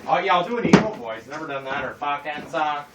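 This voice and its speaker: A man's voice: on the high side, animated, a little fast. A man welding his truck in a home garage, talking offhand in a casual, muttering way as he works. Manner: offhand, mutters while working. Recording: far from the mic, loud shop noise.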